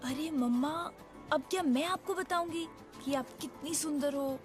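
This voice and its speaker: A woman dubbing a film role as a spirited, impulsive young woman who speaks forcefully. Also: high voice, unhurried. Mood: coaxing. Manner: forceful, pushy, rising to outbursts. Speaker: daughter who runs a cafe. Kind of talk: Hindi film dub. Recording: film soundtrack with music behind. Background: film score.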